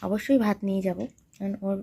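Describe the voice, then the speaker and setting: A chatty woman vlogs indoors at home, talking fast in a warm, medium-pitched voice. She records on a phone camera she holds herself, speaks straight to her viewers, and fills her narration with fillers.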